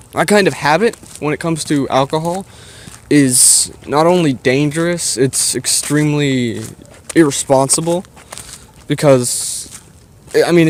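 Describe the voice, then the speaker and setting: A Canadian man talks casually to his viewers as a vlogger. He meanders and hesitates through his thoughts at a mid-range pitch. Faint outdoor noise sits behind his voice. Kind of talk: casual rambling chat to viewers.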